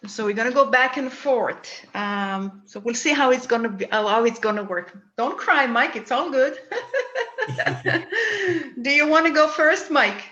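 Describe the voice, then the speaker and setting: Woman medium, bright and tense tone, halting delivery full of restarts, echoey room. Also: on the high side, muffled recording. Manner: halting, with many restarts and fillers. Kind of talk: spirit mediumship demonstration.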